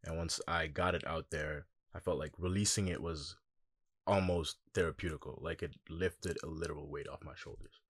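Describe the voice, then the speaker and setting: A young man from Congo, a musician guest in a casual interview, talking in a relaxed, reflective way with lots of "like" and "um". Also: rumbling low, normal speed, husky, no echo.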